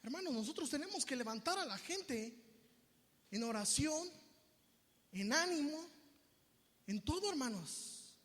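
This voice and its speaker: A Mexican pastor with a strikingly high voice preaches with fervor, dropping to a hush and then rising to a shout. His words ring out with a long reverb from the church hall. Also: expressive, measured pace, long pauses. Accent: Mexican Spanish. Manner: emphatic preaching that swings from hushed to shouted, acting out voices of others. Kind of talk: sermon. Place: church sanctuary.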